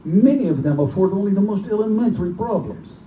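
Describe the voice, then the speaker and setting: A man voices a genteel, pompous general who hunts men for sport in a live horror theater piece performed in a bookstore. Fast and expressive, his high-pitched voice has a dark tone and drips with smug menace, urbane and condescending. The audio is distant, echoey, and noisy from the live room.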